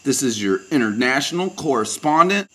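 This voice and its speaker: A man's voice: mid-range voice, expressive, moderate pace, pushed and bright, slightly rough. A man hosting a comic puppet news show, speaking in a mock-formal way with some hesitations.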